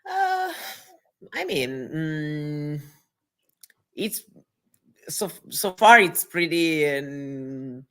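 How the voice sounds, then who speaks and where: A man's voice: on the high side, big pitch swings, drawn-out words, pauses often, sharp tone, clear, resonant tone. A man from southern Italy with an Italian accent, co-commentating tennis hesitantly with many fillers. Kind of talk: live commentary chat.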